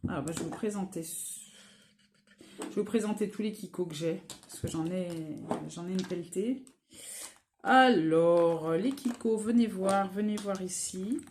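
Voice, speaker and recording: A woman's voice: mid-range voice, noisy background. A woman vlogging at home, casually showing and swatching makeup, hesitant with many fillers and restarts. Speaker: beauty vlogger. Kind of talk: casual makeup product show-and-tell.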